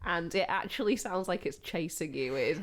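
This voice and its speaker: A woman's voice: on the low side, a little fast. A woman, co-hosting a casual podcast chat and giggling often as she talks. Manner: giggly, laughs often mid-sentence. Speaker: podcast co-host.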